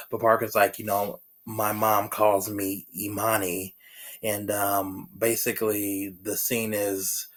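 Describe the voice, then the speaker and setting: Rambling man recapping a TV episode. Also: fairly low pitch. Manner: rambling, many fillers and restarts. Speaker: TV recap reviewer.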